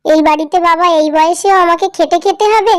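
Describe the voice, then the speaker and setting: A woman voicing a frail, meek elderly mother-in-law in a cartoon drama, speaking softly and pleadingly. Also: very high-pitched, dry recording, studio quality. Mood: aggrieved. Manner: pleading, soft and slow. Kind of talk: cartoon voice acting.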